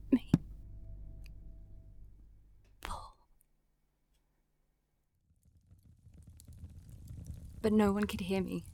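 An actress playing a weary young woman who sighs often and turns sharp when pushed. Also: mid-range voice, slight background noise, close to an everyday voice. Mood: bewildered. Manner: sighing and weary, turning sharp and frightened. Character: weary young woman trapped in a love triangle. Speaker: actor in an audio drama.

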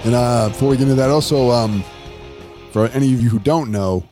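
A man's voice: mid-range voice, a little fast, music in the background. A man hosting a podcast, chatting casually and explaining things in a loose, rambling way. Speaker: podcast host. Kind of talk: casual chat with reading and recapping.

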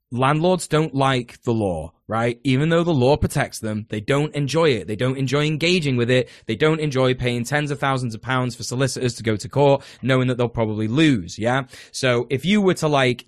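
A man's voice: mid-range voice, dry recording, clean studio sound. A man, hosting a podcast, talking casually with lots of fillers, restarts and the odd swear word. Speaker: podcast co-host. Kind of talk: casual political chat.

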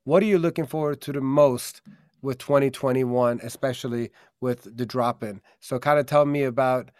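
Over a video call, a man born in Germany and raised in America hosts a casual promotional live stream, upbeat and earnest with plenty of fillers. His mid-range voice has a darkish tone and a moderate pace, and the sound is clean studio quality with no room sound.

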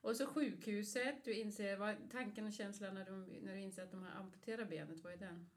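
A woman's voice: medium pitch, fairly even intonation. A woman hosting a casual interview, giving short murmured agreements and prompting questions. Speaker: host.

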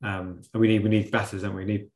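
Male co-host, lowish pitch, loose conversational sports talk, echoey room sound. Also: little pitch movement, fast talker, darkish tone. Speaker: podcast co-host. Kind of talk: casual sports discussion. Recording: roomy, echoing sound.

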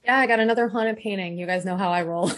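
A woman co-host telling a researched ghost story on a radio talk show, relaxed and pausing with frequent fillers. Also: mid-range voice, slight background noise. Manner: relaxed, hesitant with many "um"s.

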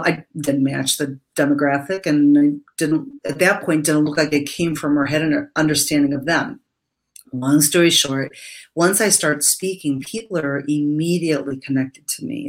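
A woman's voice: low voice, rough recording. A middle-aged woman telling an earnest, emotional story as a guest speaker in an interview, with many fillers.

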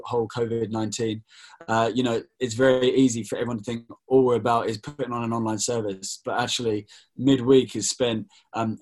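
A British man in his thirties, a pastor, chatting in a relaxed, jokey way on a video call. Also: mid-range voice, poor audio. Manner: relaxed, jokey, keeps saying mate. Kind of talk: casual video call interview.

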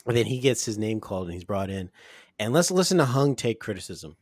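A man recaps scenes for his fellow podcast co-hosts, quick to agree with them. His voice is close and dry, with no echo at all. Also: fairly low pitch, very animated. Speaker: podcast co-host. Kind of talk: casual chat.

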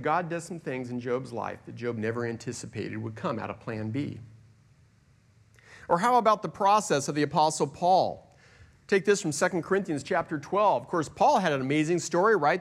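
High-voiced man preaching a sermon. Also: lively intonation. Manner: earnest, with slow deliberate emphasis and swings in loudness. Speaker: pastor. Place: church sanctuary.

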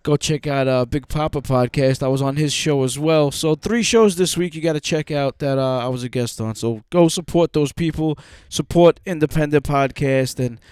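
A man's voice: a little high, moderate pace, few pauses, darkish tone, clean tone, no echo. A man hosting a podcast in a casual, informal chat style. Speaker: podcast host.

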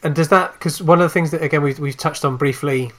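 A man's voice: fairly high pitch, fairly even intonation, fast talker. A man hosting a podcast interview, asking questions hesitantly with many restarts and fillers. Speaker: podcast host.

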